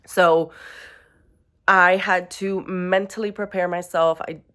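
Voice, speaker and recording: A woman's voice: fairly low pitch, fairly even intonation, slow pace, a bit bright, smooth. A woman in her twenties talks casually to camera with a nasal voice from a cold. She is chatty and fills her talk with ums and likes. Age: 20s. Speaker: vlogger.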